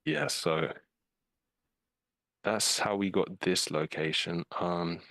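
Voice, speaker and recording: A deep, fairly bright male voice with vocal fry, lively intonation and a slow pace, recorded with no room sound. He's a British scam investigator casually presenting a case on slides in a webinar by video call, informal and loose with "um" and "like".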